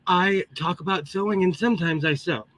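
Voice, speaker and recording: A man with a voice that sits high talks fairly quickly in a slightly bright tone, recorded dry. He's a sewing hobbyist hosting a livestream, chatty and exclamatory as he greets viewers, with a tinny, metallic, tin-can microphone sound.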